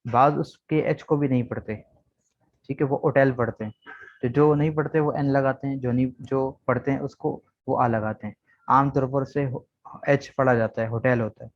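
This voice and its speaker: A man's voice: medium pitch, steady tone, moderate pace. Man, patient online English teacher spelling words aloud, slightly dull call audio. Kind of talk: online lesson. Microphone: video call.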